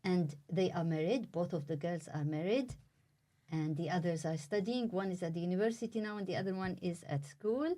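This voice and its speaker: A middle-aged religious sister with a Palestinian Arabic accent and a somewhat low voice. She talks earnestly in English, her second language, pausing now and then to find the right word. It sounds like a relaxed interview chat. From Palestine, Bethlehem. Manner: warm, earnest, searching for English words.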